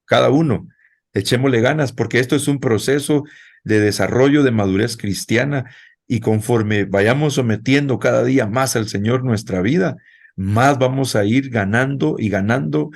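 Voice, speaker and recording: A man's voice: medium pitch, normal speed, gravelly. A male pastor preaching a sermon in a conversational way, speaking directly to his congregation.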